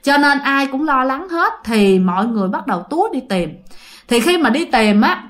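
A woman's voice: high-pitched, very animated, moderate pace. A woman with a Southern Vietnamese accent, a channel host telling listener ghost stories in a chatty way, speaking straight to her audience. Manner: chatty, addresses listeners directly. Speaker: storyteller host. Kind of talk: ghost story narration.

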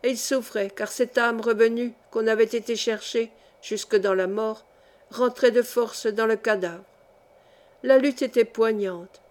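A woman narrating a historical novel as an audiobook, with measured, dramatic pacing. Her voice sits somewhat high. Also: steady tone, a little mellow. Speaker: audiobook reader.

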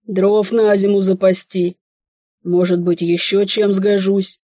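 A woman voicing an easygoing, slyly teasing village man in an audiobook, talking in an unhurried, folksy way. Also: medium pitch, little pitch movement, warm tone, no room sound, studio quality. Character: easygoing village man, hired helper, sly.

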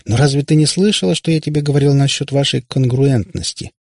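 A man's voice: medium pitch, a little fast, darkish tone, no echo, studio quality, pitched above the performer's own voice, natural voice. A male narrator voicing a tired warlock father who rambles pedantically. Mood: lecturing. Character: weary, long-winded warlock father.

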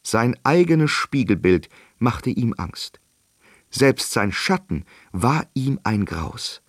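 A man's voice: mid-range voice, slightly rough, no echo, clean studio sound. A man narrating a fairy tale for a radio story. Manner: slow, expressive storytelling.

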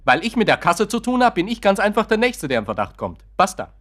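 An actor playing an irritable, defensive grown son in a radio play, curt and tense under strain. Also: male voice, high-pitched, sing-song, brisk, a bit bright, heavily acted.

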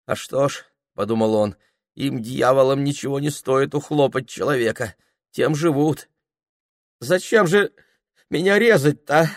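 A man voicing a frightened male peasant who talks in a high, jittery, fawning way. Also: big pitch swings, takes it slowly, creaky, no room sound, clean studio sound, exaggerated voice. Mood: nervous.

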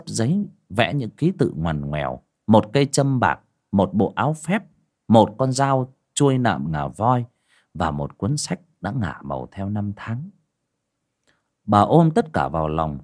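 Guy reading an audio story, husky, lots of pitch movement. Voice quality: expressive, measured storytelling. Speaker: audiobook narrator. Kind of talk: scripted story narration.

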